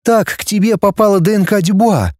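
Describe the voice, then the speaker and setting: A man's voice: high-pitched, a little fast, darkish tone, no echo, clean studio sound, pitched above the performer's own voice, close to an everyday voice. A man voicing a tense, cold-toned young woman in an audiobook. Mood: tense, cool. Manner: clipped and cool.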